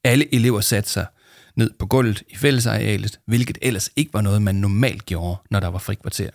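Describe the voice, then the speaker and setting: A man calmly reading a children's book aloud as narrator. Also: on the low side, gravelly, dry recording, studio quality.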